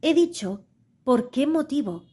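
A woman's voice: high voice, animated, unhurried, warm tone, pitched above the performer's own voice. A woman voicing a bold, curious young girl who speaks firmly and decidedly in a storybook reading. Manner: firm and decided.

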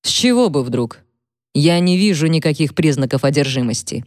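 A woman's voice: low-pitched, expressive, a little mellow, dry recording, clean studio sound. Woman putting on a pompous, condescending husband. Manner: condescending, sarcastic, slow. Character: pompous irritated husband, self-important patriarch.

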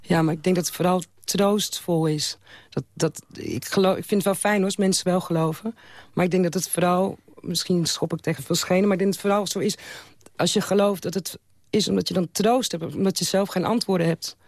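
A woman's voice: lowish voice, fairly even intonation, a little fast, a little mellow, no room sound, studio quality. A woman guest who used to work as an undertaker, talking frankly and reflectively in a casual interview, often restarting her sentences.

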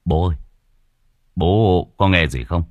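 A man voicing a gruff but soft-hearted middle-aged son with a brusque, scolding manner. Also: deep voice, no room sound, muffled recording. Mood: worried. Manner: brusque, scolding, quick to bluster.

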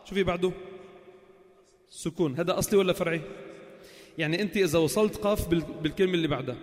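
A man's voice: high-pitched, very fast. A man teaching a Quran recitation class, quizzing students and stretching out example words. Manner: questions the class, then drawls out example words. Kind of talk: classroom lesson. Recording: long hall reverb.

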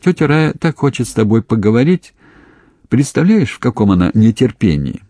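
A man's voice: medium pitch, big pitch swings, moderate pace, warm tone, dry recording, studio quality, pitched above the performer's own voice. A man voicing an elderly, doting mother who frets and exclaims over her son, in an audiobook. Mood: affectionate. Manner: fretting, exclaiming.

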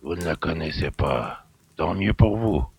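A gravelly grumbling old-school innkeeper. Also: male voice, expressive, a little slow, background noise, full character voice. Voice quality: gravelly, low and husky. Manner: grumbling, resentful, rustic speech. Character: gruff suspicious middle-aged male country innkeeper. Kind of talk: audio drama acting.

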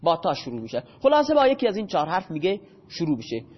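A man with a high voice teaches a grammar class, taking each rule step by step and stopping to quiz his students. The audio is dull and muffled, and his voice rings with a long hall reverb. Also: wildly swooping pitch, breathy edge. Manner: explains step by step, quizzes students with questions.

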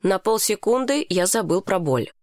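A woman narrating a children's book in the first person, clear and even. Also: mid-range voice, moderate pace, no room sound, clean studio sound. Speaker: audiobook narrator. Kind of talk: scripted narration.

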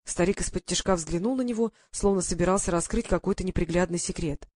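A woman's voice: lowish voice, fast, a little mellow, dry recording. Woman reading a novel, dry close sound. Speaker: audiobook narrator. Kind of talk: scripted narration.

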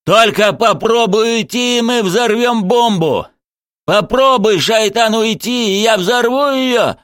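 A man voicing a grieving male coach who shouts threats through tears in an audiobook. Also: a little high, big pitch swings, a little slow, dry recording, clean studio sound, voice pushed up. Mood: raging.

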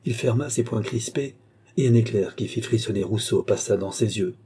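A man narrating a classic novel as an audiobook in a measured storytelling manner. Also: lowish voice, mellow, slight background noise.

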